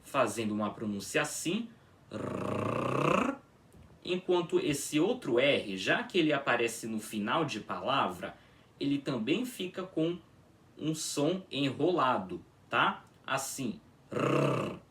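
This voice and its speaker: A man teaching a pronunciation lesson, demonstrating each sound slowly and checking in with his students. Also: medium pitch, expressive, a bit bright, distant mic. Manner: drawn-out patient demonstrations, frequent "tá?" checks. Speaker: language teacher.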